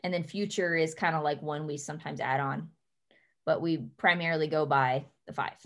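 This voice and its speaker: A young woman leading her team from a home office over a webcam, giving earnest, emphatic advice and slowing down to stress her key points. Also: low voice, fairly even intonation. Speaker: team leader. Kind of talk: motivational coaching talk.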